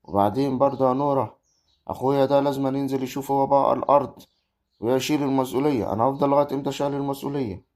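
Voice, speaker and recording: A man's voice: mid-range voice, fairly even intonation, racing, darkish tone, lightly acted. A man with an Egyptian accent playing a young married farmer who argues and defends his wife in a village drama. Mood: musing. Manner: arguing, protesting. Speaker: actor in a web drama. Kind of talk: amateur village drama acting.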